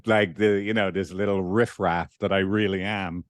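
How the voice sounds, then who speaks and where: Lower-pitched middle-aged man with Dublin accent. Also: steady tone, moderate pace, no room sound, clean studio sound. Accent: Dublin Irish. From Dublin, Ireland. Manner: rambling, conversational, often asks "right?". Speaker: podcast guest, relationship therapist. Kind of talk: casual interview, personal storytelling.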